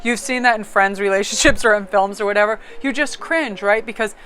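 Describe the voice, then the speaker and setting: A woman's voice: medium pitch, brisk, fairly bright tone, slight background noise. A woman casually reading tarot cards aloud, chatty and rambling, often breaking into laughter. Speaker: tarot card reader.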